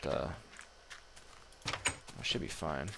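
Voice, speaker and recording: A man giving casual, rambling gameplay commentary, self-deprecating and swearing now and then. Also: slow. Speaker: gamer. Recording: noisy home mic recording.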